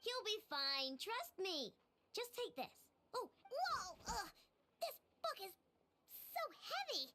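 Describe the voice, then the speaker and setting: An actress voicing an excitable, snack-loving young female inventor in a game, chatty and boastful, stammering when flustered. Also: extremely high pitch, takes it slowly, very noisy, heavily acted. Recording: game audio with music behind.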